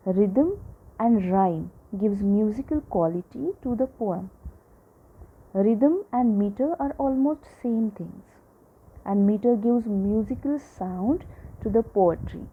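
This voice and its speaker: A woman teaching a lesson to children, slowly repeating each example and checking in with her listeners. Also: medium pitch, animated, breathy edge. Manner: slow, repeats examples, checks in with "right?" and "okay?". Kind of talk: classroom lecture. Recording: tinny phone-like audio.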